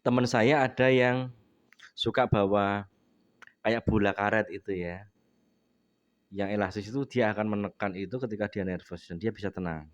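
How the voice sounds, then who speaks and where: A man's voice: fairly low pitch, no echo, lo-fi sound. A man with an Indonesian accent giving a bilingual speaking lesson, mixing Indonesian and English, tagging lines with "ya", and speaking with a runny nose. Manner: mixes Indonesian and English, frequent tag "ya". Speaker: English teacher.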